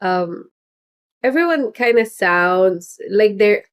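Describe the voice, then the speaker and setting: With a medium-pitched, clear and resonant voice, a middle-aged Filipino-heritage woman speaks slowly and expressively. She's a political candidate hosting a casual livestream, rambling along with lots of fillers and light laughter.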